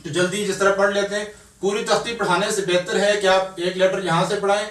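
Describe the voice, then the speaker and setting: A man teaches tajweed to beginners. He is patient and spells out each sound slowly, syllable by syllable. The recording is echoey, with the mic at some distance from him. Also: high voice, level tone, a bit bright. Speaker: Quran teacher.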